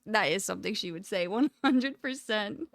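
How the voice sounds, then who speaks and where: A woman's voice: medium pitch, creaky, a bit bright, no echo, clean studio sound. A woman streamer chatting casually with her viewers, laughing often and rambling with lots of "like" fillers. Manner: giggly, rambling, full of "like" fillers. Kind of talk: casual livestream chat.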